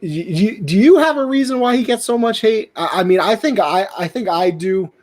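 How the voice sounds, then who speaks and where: A young man co-hosting a sports podcast, chatting casually and excitably, tripping over his words now and then. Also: normal speed. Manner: excitable, jumps in pitch, trips over words. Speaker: podcast co-host.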